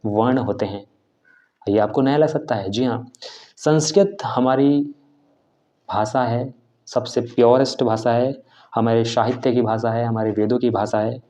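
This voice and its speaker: A man's voice: medium pitch, dark tone. A man giving a video lesson on Hindi and Sanskrit letters, asking himself questions and drawing out the sounds as he pronounces them. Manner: drawn-out, careful pronunciation of sounds; tags points with "theek hai". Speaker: teacher of Hindi and Sanskrit basics. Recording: slightly dull, lo-fi audio.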